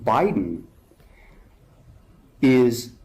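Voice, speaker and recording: A man's voice: medium pitch, sing-song, drawn-out words, darkish tone. A man speaking as a guest in an interview, urgent and emphatic, building his points with rhetorical questions. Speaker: guest speaker on end-times prophecy.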